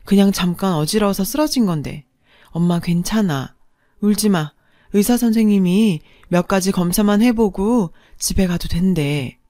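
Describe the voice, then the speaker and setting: A woman narrator voicing her hardworking mother, reassuring her daughter slowly and gently. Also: mid-range voice, no room sound, studio quality, natural voice. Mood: soothing.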